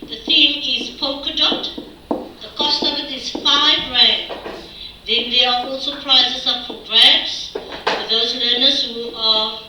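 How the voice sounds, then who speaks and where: Woman on the school intercom, slow deliberate announcer read, boomy distant speaker with classroom noise. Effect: school intercom loudspeaker announcement. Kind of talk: public address announcement. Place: classroom, heard through a wall speaker. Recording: echoey distant loudspeaker in a noisy classroom.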